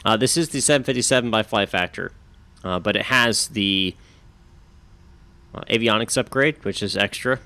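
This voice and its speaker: A man's voice: fairly low pitch, moderate pace, long pauses, pushed and bright, clear, resonant tone, no room sound. A man livestreaming a flight simulator, chatting casually and making pilot calls.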